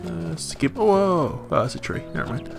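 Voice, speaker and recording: Gravelly, lively man commenting on a game. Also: on the high side, fairly quick. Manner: animated, jokey, often squeals in surprise. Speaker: gameplay commentator. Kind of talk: casual let's-play commentary. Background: game music.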